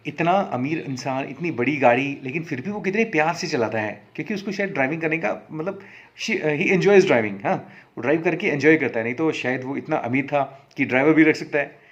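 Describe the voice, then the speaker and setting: A man's voice: a little high, normal speed. A man telling a story in a casual, conversational way as a show host, often correcting himself mid-sentence. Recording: slightly dull lo-fi recording.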